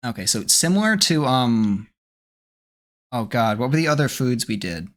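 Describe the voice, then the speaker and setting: Relaxed man hosting a guessing game. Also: mid-range voice, normal speed. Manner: reads clues aloud, relaxed and chatty. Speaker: podcast co-host running a food guessing game. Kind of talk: casual podcast chat.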